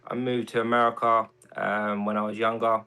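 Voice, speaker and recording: A man's voice: on the low side, little pitch movement, normal speed, clean tone, poor audio. A man from England with a London accent, a guest on a casual chat show, talking hesitantly with lots of ums. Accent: London English. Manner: hesitant, many ums, soft-spoken.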